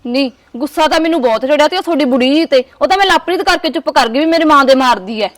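A woman's voice: high-pitched, natural voice. A woman playing a suspicious village woman who complains that she is owed money. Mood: complaining. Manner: quick-tongued, complaining, distrustful. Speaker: aggrieved village woman in a comedy sketch. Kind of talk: comic village drama.

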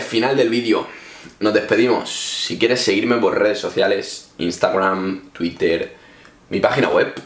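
A man's voice: deep voice, roomy sound. A man from Spain giving casual, direct advice to viewers in a chatty vlog. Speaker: English teacher vlogger. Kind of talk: casual advice talk to camera.

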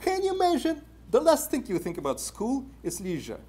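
His voice is very high-pitched with huge swings in pitch, a little fast, a little mellow, and edged with breathiness. He is a Russian-accented conference speaker in his fifties, lecturing animatedly at a podium in an indoor meeting room, heavy on "uh" fillers and questions for the audience. A distant room camera picks him up.

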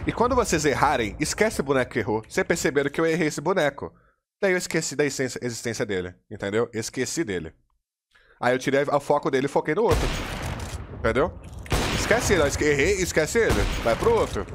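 Brazilian male gaming coach, fast slangy delivery, repetitive step-by-step drilling, slightly high voice. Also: very animated, background noise. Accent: Brazilian Portuguese. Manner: slangy and casual, demonstrating while talking, keeps saying "look" and "you know"; direct, repetitive drilling of steps. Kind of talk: live gameplay tutorial. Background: faint in-game gunfire and mouse clicks.

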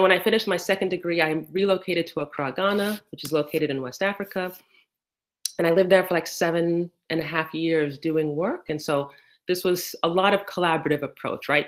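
A woman in her thirties from the United States, giving a casual, thoughtful research talk over a laptop video call with frequent fillers. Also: low-pitched. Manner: conversational, thoughtful, many fillers. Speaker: PhD candidate presenting research. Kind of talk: casual online presentation. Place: indoor room.

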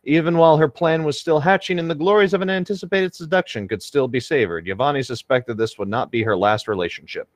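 A man's voice: a little high, quick pace, few pauses, dry recording. A man chatting casually with friends and reading a story aloud.

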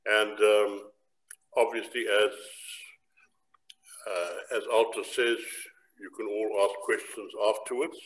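Older guy hosting, kinda low voice, informal intro on a video call. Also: low-quality recording. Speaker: host introducing a speaker.

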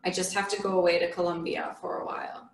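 A gentle, loving mother speaks softly on the phone, as a woman reads her lines. The voice is soft and reassuring. It sounds roomy and distant, with a faint hiss. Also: fairly low pitch, little pitch movement, quick pace, vocal fry. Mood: tender. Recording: echoey room from a distant mic.

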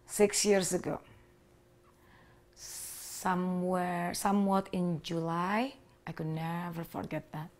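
Her voice sits fairly low with a darkish, steady tone as she takes her time. She is an Indonesian woman in her thirties with an Indonesian accent, earnestly recounting her own story to camera and making minor grammar slips. A lapel mic picks her up while she sits indoors in a living room with a leather sofa.

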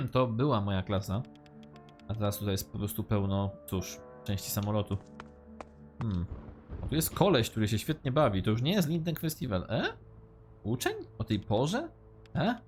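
A man's voice: fairly low pitch, darkish tone. A man giving casual, joking commentary while playing a game, reading its lines aloud. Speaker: let's-play gamer.

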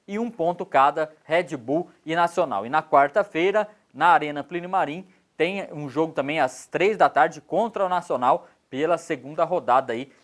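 A man in his thirties, a sports commentator, talking through results in a small TV studio on a lapel mic, brisk and informal with many fillers. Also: a little high.

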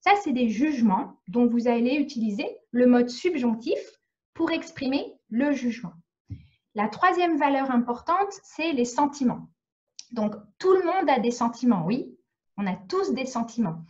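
A woman's voice: on the high side, animated, a little slow, darkish tone, lo-fi sound. A woman from France teaching French in a live online lesson, explaining patiently and checking often that students follow. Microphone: video call.

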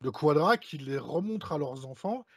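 A man's voice: on the high side, expressive, normal speed, husky, no room sound, studio quality. A man interviewing a guest in a casual chat, offering short agreeing prompts.

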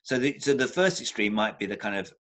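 An older man, a psychotherapist guest, speaks over a laptop webcam on a video call from a room at home. His lowish voice is animated and a little fast, and he reflects thoughtfully, often restarting and repeating words for emphasis.

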